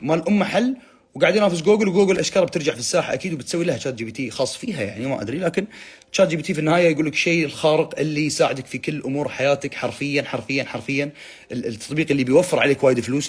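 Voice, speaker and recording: Young guy hosting a phone live, husky voice, very lively pitch; teasing, reads comments aloud. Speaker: livestream host. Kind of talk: casual live chat reading comments.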